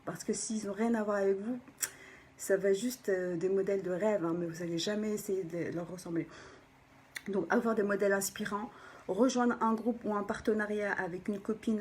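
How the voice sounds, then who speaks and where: A woman, a personal development coach, gives an animated motivational talk to viewers, often checking in with them and sometimes dropping into a soft whisper for emphasis. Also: mid-range voice, normal speed, slight background noise. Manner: animated, keeps checking in with the listener.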